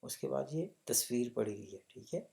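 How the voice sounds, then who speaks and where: A man's voice: medium pitch, brisk, gravelly, dark tone. A man teaching a language lesson. He explains the textbook patiently, often checks that students follow, and repeats example words for pronunciation. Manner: patient, checks understanding with repeated tag questions.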